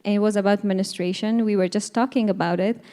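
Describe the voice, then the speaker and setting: Young woman in her 20s, panel speaker; smooth, warm tone, earnest and hesitant with lots of ums. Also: medium pitch, steady tone, fairly quick. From Afghanistan. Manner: earnest, hesitant, frequent fillers and restarts. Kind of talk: personal testimony at a panel event.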